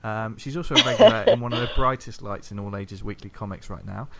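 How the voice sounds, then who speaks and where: A man's voice: lowish voice, very animated, fast talker, creaky, a crowd in the background. A man hosting a comics podcast, joking and laughing often in casual chat. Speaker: podcast host.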